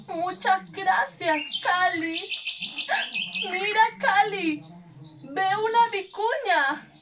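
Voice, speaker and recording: A woman's voice: extremely high pitch, very slow, heavy background noise, exaggerated voice. A woman with a Peruvian accent voicing a sad, abandoned female pet in a children's puppet show, sobbing as she talks. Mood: worried. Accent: Peruvian Spanish. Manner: sobbing, whimpering delivery. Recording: voice from a distance off the mic.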